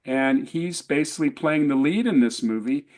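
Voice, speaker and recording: A middle-aged man with a mid-range voice hosts a relaxed talk about new films. He speaks with steady enthusiasm and praises the movies and actors he liked. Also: mid-range voice, normal speed. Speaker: host. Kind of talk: casual film review chat.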